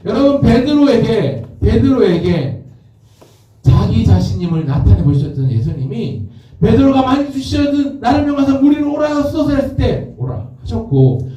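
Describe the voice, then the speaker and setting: A high, mellow-toned male pastor preaches energetically to a youth congregation and leads them in call-and-response chants. The sound is very echoey, picked up from a distance in a church worship hall. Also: very animated, moderate pace. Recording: echoey hall, mic from far off.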